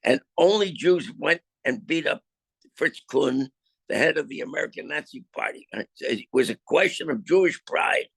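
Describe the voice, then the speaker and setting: An older man telling his own story in a video-call interview, halting with many restarts and repeated words, then landing his points emphatically. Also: on the high side, lively intonation, vocal fry, fairly bright tone, breathy edge, dry recording. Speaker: film subject interviewed about his life.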